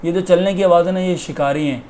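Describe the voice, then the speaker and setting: A man's voice: sits high, steady tone, fast talker, warm tone, a little hiss or hum, natural voice. A man doing a hunted, bitter peacock. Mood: fearful.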